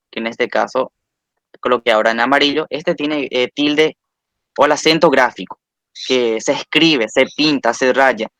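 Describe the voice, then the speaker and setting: A man's voice: medium pitch, bright, forceful tone, no echo. A man teaching a recorded language lesson, patiently spelling out sounds and repeating example words.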